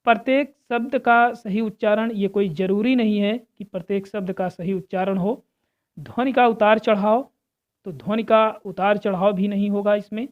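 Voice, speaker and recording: A woman's voice: medium pitch, moderate pace, phone-quality sound. Woman teacher explaining quiz answers. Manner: steady, repeats each answer, addresses viewers as friends. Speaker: exam-prep teacher. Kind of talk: reading and explaining quiz questions.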